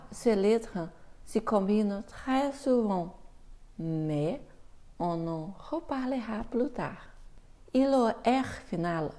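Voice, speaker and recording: A woman teaching a beginner French lesson, speaking slowly and demonstrating pronunciation with care. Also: mid-range voice, darkish tone. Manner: slow, careful pronunciation demos.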